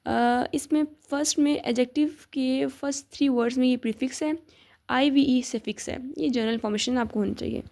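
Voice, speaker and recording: Gravelly young woman explaining grammar. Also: high-pitched, fairly even intonation, a little mellow. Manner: patient, repeats examples, spells words out slowly. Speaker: teacher sharing study notes. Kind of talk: casual explanatory lesson.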